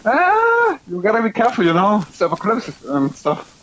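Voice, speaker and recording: A man's voice: high-pitched, expressive, quick pace, slight background noise, low-quality recording. German-accented man, hesitant casual gamer. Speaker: online game player. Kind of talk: casual in-game chat.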